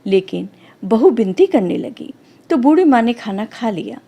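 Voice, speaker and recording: Mellow-voiced woman telling a devotional tale. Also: on the high side, very animated, normal speed, gravelly, breathy edge. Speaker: storyteller. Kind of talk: devotional story narration.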